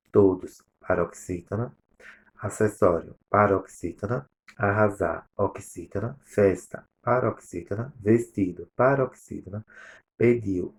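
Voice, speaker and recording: A Brazilian man with a lowish, gravelly voice goes over exercise answers like a teacher. He explains step by step and reads each answer aloud at an even, steady clip. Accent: Brazilian Portuguese. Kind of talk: recorded remote lesson review.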